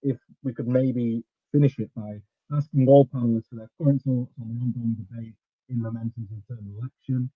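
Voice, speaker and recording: A man moderating an online panel, with halting, filler-heavy questions, his mic cutting out in crackly dropouts. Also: mid-range voice, fairly even intonation, slightly rough. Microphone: video call. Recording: dull, dry line with dropouts.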